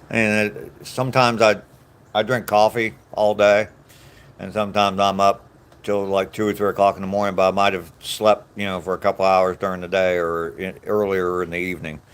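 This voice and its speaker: Answering his live chat while walking outdoors, a man in his sixties from the United States speaks in a smooth, fairly low voice. The talk is relaxed and meandering, full of reminiscing and frequent chuckles.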